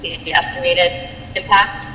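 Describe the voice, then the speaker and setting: A woman's voice: medium pitch, huge pitch swings, sharp tone, reverberant, long reverb tail, distant mic, a little hiss or hum, rough recording. A woman town manager giving a report at a town meeting, her voice cutting in and out on a choppy video call. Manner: halting and stop-start, dropping in and out. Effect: choppy, breaking-up video call audio. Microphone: laptop on a video call.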